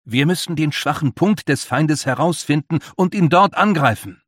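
A man's voice: on the high side, animated, moderate pace, a bit bright, no room sound, voice pushed up. A grave, worried older leader, as a male reader puts him on, who presses his points in an earnest, emphatic way. The voice is dry and close, like a storybook read aloud.

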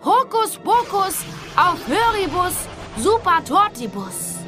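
A woman's voice: high-pitched, expressive, takes it slowly, over music. A woman doing a touchy fairy mother. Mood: chanting. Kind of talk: children's audiobook reading.

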